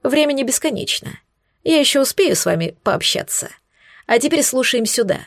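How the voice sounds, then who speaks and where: A woman voicing a scornful, smug young female witch who mocks and threatens in slow, hissing tones, recorded dry and close. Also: high-pitched, animated, no room sound. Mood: sneering. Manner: mocking, hissing, drawn-out threats.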